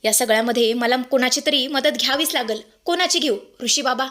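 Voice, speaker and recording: A woman's voice: sits high, brisk, fairly bright tone. A woman voicing an anxious, loyal maidservant who frets aloud to herself. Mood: worried. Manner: fretful, talking to herself.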